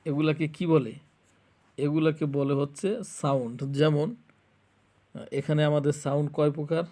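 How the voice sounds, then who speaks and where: A man's voice: fairly high pitch, steady tone, unhurried, warm tone. A man with a Bangladeshi Bengali accent teaching an English grammar lesson. He asks questions and answers them himself, and repeats the key points. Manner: colloquial and repetitive.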